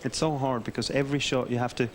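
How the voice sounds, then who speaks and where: A man with an average-pitched voice serves as golf co-commentator. He explains shots hesitantly and off the cuff, with faint noise behind him. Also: fairly even intonation, fast.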